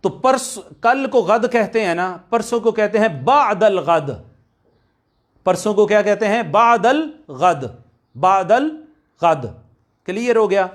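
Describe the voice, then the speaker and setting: A man gives a recorded language lecture. He keeps going back over key words, stretching them out slowly so students can drill them. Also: sits high. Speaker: Arabic language teacher.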